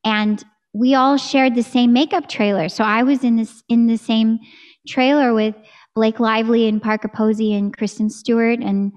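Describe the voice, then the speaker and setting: An American woman in her thirties, a singer, chats eagerly in a casual video-call interview. Her voice sits a little high and she talks with her hands, close to a studio mic in a room at home. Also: steady tone, normal speed, a little mellow. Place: home room with curtain backdrop. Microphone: studio mic on a boom arm.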